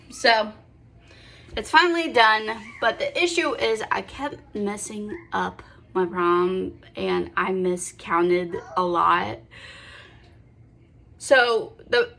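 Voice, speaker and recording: A woman's voice: medium pitch, vocal fry, sharp tone. A young woman in casual vlog chat at home, rambling and correcting herself with apologetic asides. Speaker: vlogger.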